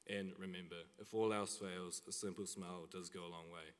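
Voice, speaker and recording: A man's voice: low voice, steady tone, normal speed, background noise. A young male student giving an earnest prepared address from a lectern in a school chapel, reading from notes with small restarts. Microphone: lectern mic. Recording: long hall reverb.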